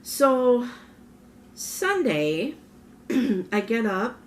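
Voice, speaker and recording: A woman's voice: fairly high pitch, sing-song, drawn-out words, a little hiss or hum. A woman from Minnesota vlogging in a casual, rambling way, often correcting herself, with a morning voice. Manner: rambling, self-correcting storyteller. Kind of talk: casual talking-head vlog.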